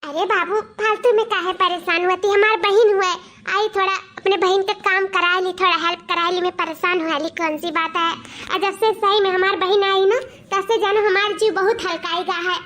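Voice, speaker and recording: A woman doing a squeaky chatty cartoon wife with a Bhojpuri accent. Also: fairly even intonation, moderate pace, fairly bright tone. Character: young wife, chatty and cheerful.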